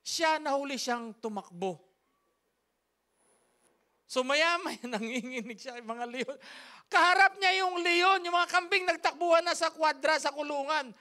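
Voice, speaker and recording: A woman's voice: sits high, measured pace, bright, forceful tone. A woman pastor, telling a story in a sermon with emphatic, repetitive, rhythmic phrasing. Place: church service.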